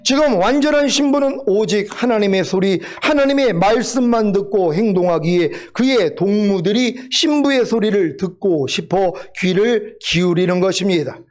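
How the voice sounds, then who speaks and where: A man's voice: high voice, animated, normal speed, hardly any pauses. A male pastor preaching a sermon to his congregation in an earnest, exhorting way, now and then teasing them.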